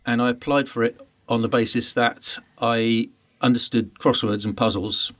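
A middle-aged man with a British accent, a guest answering interview questions in a measured, thoughtful way. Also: medium pitch, steady tone, fairly bright tone. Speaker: guest, puzzles editor.

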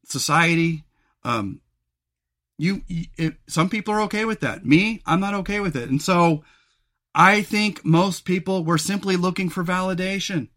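A male podcast host talking alone in a rambling, reflective way, losing his voice and clearing his throat often. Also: high-pitched, normal speed, a bit bright. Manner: rambling and reflective, many fillers and restarts. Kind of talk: solo podcast monologue.

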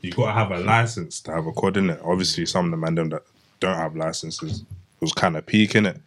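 A man's voice: low-pitched, fairly quick, fairly bright tone. A young man with a London roadman accent, telling a story casually among friends in heavy slang and tagging sentences with innit. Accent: London roadman, multicultural London English. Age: young adult.

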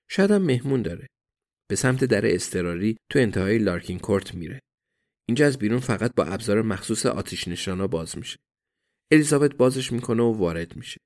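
A man narrating an audiobook in a measured, even reading. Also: fairly low pitch.

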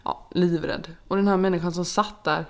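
A woman's voice: fairly low pitch, fairly even intonation, gravelly, darkish tone. A young woman telling a story in casual chat, acting out the dialogue she quotes. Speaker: podcast co-host.

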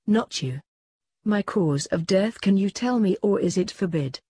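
Eine Frau, die eine sterbende, verängstigte Geisterfrau spricht und in Reimen rezitiert. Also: female voice, medium pitch, animated, measured pace, warm tone, slightly rough, no room sound, clean studio sound. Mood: frightened. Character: frightened dying woman ghost.

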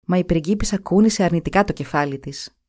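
A woman narrating a fairy tale in an expressive, animated way. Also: lowish voice. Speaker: storyteller.

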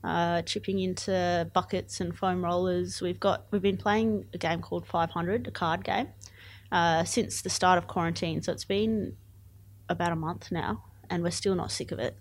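This young woman, in her twenties, plays cricket and speaks with an Australian accent; she was born in Zimbabwe and came to Australia at age eight. In the interview she sounds casual and enthusiastic. Her pitch is fairly low, her tone steady, her pace moderate.

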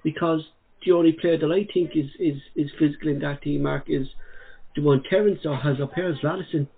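A man's voice: on the high side, steady tone, a little fast, gravelly. A man co-hosting a podcast in casual, sweary football chat, often addressing his co-host by name. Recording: thin phone-like call audio.

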